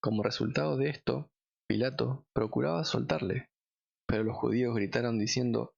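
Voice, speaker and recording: A man reading scripture aloud in a measured, solemn way. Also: medium pitch, steady tone, gravelly, a little mellow, muffled recording. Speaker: Bible reader.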